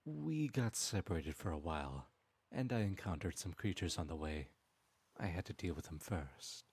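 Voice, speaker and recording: Heavily acted and expressive, a very deep, husky male voice brings a smooth-talking trickster god to life for an ASMR roleplay, scheming as he teases, coaxes and manipulates in an unhurried, silky drawl. The recording is close and dry, without any echo or room sound.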